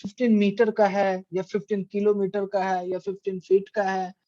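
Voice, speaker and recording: A man's voice: high-pitched, little pitch movement, moderate pace, warm tone, no echo. A man teaching an online physics class, asking the students questions and answering them himself. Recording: dry, dull lo-fi audio.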